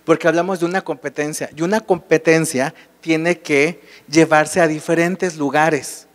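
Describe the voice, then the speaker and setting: A man with a Mexican accent speaks to a live audience at a state congress, his voice sitting fairly high for a man. He keeps quizzing the room with rhetorical questions as he explains his points. The sound trails off in the long reverb of a large hall. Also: steady tone, moderate pace. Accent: Mexican Spanish. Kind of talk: conference talk to a live audience.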